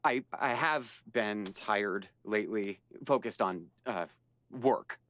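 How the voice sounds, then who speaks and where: A man's voice: on the low side, slow pace, a bit bright. An actor playing an awkward, insecure young man in a video game, with a nervous, stammering, hesitant delivery. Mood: sheepish. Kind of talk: video game character acting.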